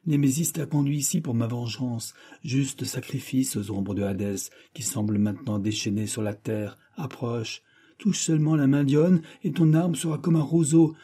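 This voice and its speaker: A man's voice: medium pitch, steady tone, unhurried, dark tone, breathy edge. A man voicing a fiery young Greek hero who speaks urgently and with vehemence in an audiobook. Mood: furious.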